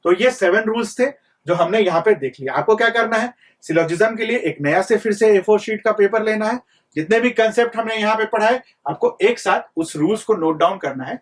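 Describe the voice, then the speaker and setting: Young male tutor, high voice, repeats himself, asks rhetorical questions, a bit off-mic. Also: lively intonation, fairly quick, far from the mic. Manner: repetitive, quizzes students with rhetorical questions; mixes English terms into Hindi speech. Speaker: reasoning teacher. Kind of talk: exam-prep lecture.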